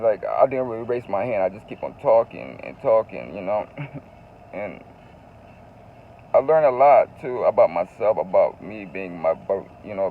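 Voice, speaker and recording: A man's voice: low-pitched, phone-quality sound, a little hiss or hum. A man telling a personal story in a casual, confessional vlog, earnest and emotional, often repeating phrases for emphasis. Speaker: vlogger.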